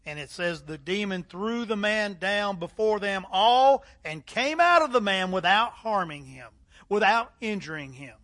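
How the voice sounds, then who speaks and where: A middle-aged male pastor with a high, bright voice delivers a sermon. He leans on key words with long pauses, rising loud on some phrases and dropping low and quiet on others. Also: expressive. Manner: emphatic preaching with dramatic pauses and swings in loudness.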